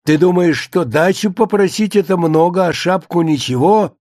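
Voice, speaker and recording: A man's voice: sits high, normal speed, a little mellow, no room sound, studio quality, pitched above the performer's own voice, natural voice. Man voicing a blustering Soviet bigwig. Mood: furious. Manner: scornful, hectoring tirade. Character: pompous older male Soviet official, boozy, blustering.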